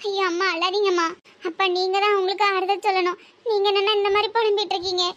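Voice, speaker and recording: A woman's voice: very high-pitched, little pitch movement, quick pace, a bit bright. A woman voicing a brave, caring young woman in a cartoon, earnestly comforting others in a Tirunelveli Tamil accent. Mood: pleading. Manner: soothing, earnest. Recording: dull lo-fi sound.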